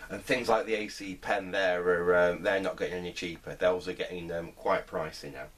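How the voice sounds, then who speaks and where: At normal speed and in a low, steady voice, a middle-aged man narrates his vintage radio repair at an indoor workbench. As presenter, he keeps it casual and hands-on, thinking aloud with some hesitation.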